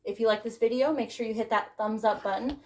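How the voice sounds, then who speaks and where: A woman's voice: fairly high pitch, fast talker. A woman teaching a tap dance step, encouraging her students and counting beats aloud, a bit out of breath from dancing. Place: dance studio. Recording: echoey studio with loud background noise. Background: tap shoe clicks.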